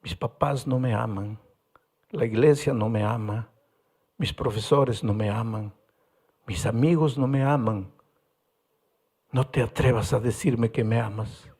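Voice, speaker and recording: A man's voice: mid-range voice, a little slow, husky. Troubled teen boy, defiant and pleading, put on by a male preacher with a Peruvian Spanish accent. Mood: tearful. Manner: shouting, then pleading through tears.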